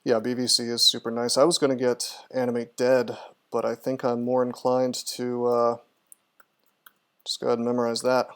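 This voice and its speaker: Speaking with a completely flat delivery, a man casually commentates on his streamed gameplay, talking through moves and answering chat. His mid-range voice is smooth, and his pace is moderate.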